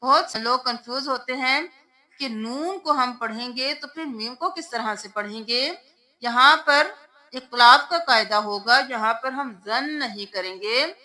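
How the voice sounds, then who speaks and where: Woman teaching tajweed, spells words out slow letter by letter, high bright voice. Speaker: Quran recitation teacher. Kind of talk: tajweed lesson.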